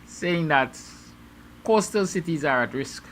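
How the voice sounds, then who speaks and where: Guyanese male host, bright forceful tone, rhetorical musing monologue, faint ambience in the background. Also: a little high, lively intonation, a little slow, a little hiss or hum. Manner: musing, rhetorical questions, sarcastic. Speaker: morning show host. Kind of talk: opinion monologue to viewers.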